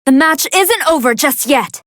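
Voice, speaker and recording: Female android scientist, video game fight commentator, very high voice, animated intonation, articulate, analytical. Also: a little slow, no room sound, studio quality. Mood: composed, analytical.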